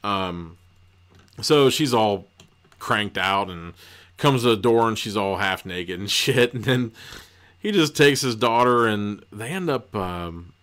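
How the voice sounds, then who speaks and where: A man's voice: fairly low pitch, a bit bright. A man hosting a book podcast, recapping a novel in a loose, rambling way with lots of swearing and filler words. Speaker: podcast host reviewing books.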